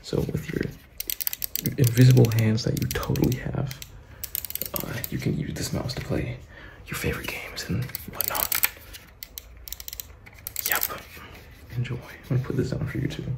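Young man, crackly whispered fast ASMR role-play. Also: mid-range voice, creaky. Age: young adult. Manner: murmured, casual, repeating phrases. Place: small room indoors. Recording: noisy close-up recording with clicking, tapping.

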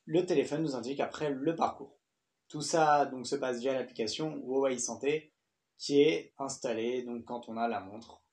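A man's voice: mid-range voice, darkish tone. A young man talking casually through a smartwatch review, chatty and loose, with fillers and the odd swear word. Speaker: tech reviewer. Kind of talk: casual tech review vlog.

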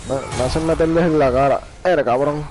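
A man giving crude, excitable commentary while playing a video game, swearing constantly. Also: a little high, brisk. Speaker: gamer. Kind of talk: casual gameplay commentary.

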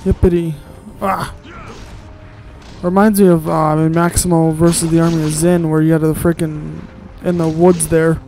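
A man's voice: fairly high pitch, flat delivery, normal speed, mellow, faint music behind, rough recording. A man giving casual, grumbling let's-play commentary while he plays, with sarcastic asides and casual swearing.

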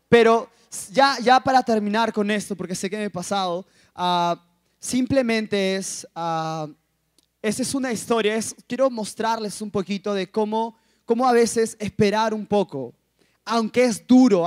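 A young man in his twenties shares a personal testimony with a school assembly. His voice sits high for a man, and he tells the story with emotion, acting out the quotes as he goes. The sound is close and dry. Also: no echo. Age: 20s. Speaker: youth speaker.

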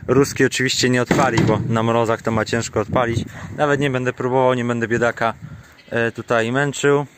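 A man's voice: mid-range voice, fairly even intonation, brisk, very noisy. A man vlogging outdoors on a small farm, chatting casually to the camera and coaxing his animals in a sing-song voice.

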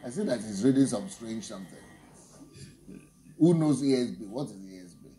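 A man's voice: mid-range voice, expressive, moderate pace, dark tone, slight background noise. A man, preaching and quizzing his listeners in an emphatic teaching sermon. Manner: quizzing, emphatic, laughs when making a point. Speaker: pastor.

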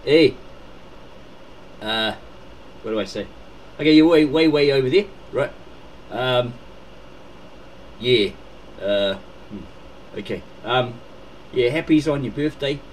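A man's voice: medium pitch, slow, long pauses, slight background noise, low-quality recording. A man rambling casually in a birthday video, full of fillers, recorded indoors at home. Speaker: uncle making a birthday video.

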